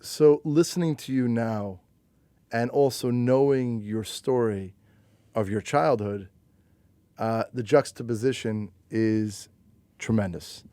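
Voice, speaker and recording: Fields: male host, mellow, clear voice. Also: mid-range voice, takes it slowly, no echo. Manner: leading, emphatic, repeats phrases while framing questions. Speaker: podcast host. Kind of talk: interview conversation.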